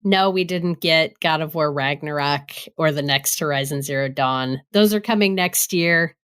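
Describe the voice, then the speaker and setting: Young female podcast co-host, slightly low voice, gushing and animated, quick bursts of talk. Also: clear, resonant tone. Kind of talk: casual podcast chat.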